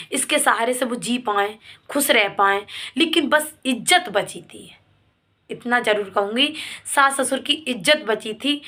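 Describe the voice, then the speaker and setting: A vlogger with a fairly high, bright, forceful voice weighs in on a family controversy in a casual opinion video addressed to viewers and one of the people involved. She speaks emphatically, using repeated phrases to sound reproachful and pleading.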